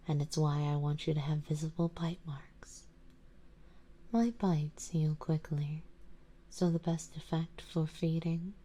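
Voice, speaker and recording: In an ASMR roleplay, a low-pitched woman plays an elegant vampire noble who is doting and possessive. She speaks softly and breathily, mostly in a whisper, with a genteel, coaxing manner.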